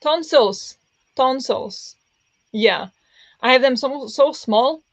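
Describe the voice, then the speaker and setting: A chatty book streamer running reading sprints talks loosely with her viewers, packing in fillers and restarts. Her voice is high, slow and pressed, prone to turning raspy. The recording is dull, lo-fi and dry, with no room sound.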